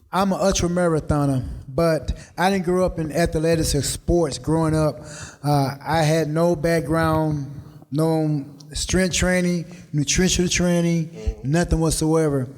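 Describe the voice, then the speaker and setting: A man in his late fifties or older, a podcast guest telling his personal story in an earnest, measured way. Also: fairly high pitch, a little mellow. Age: late 50s or older.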